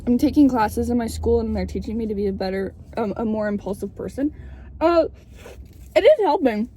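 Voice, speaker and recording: A woman's voice: a little high, animated, fairly quick, dark tone. A young woman in a casual car vlog, talking candidly and a little theatrically with plenty of swearing. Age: young adult. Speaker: vlogger. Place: inside a car. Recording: background noise inside a car.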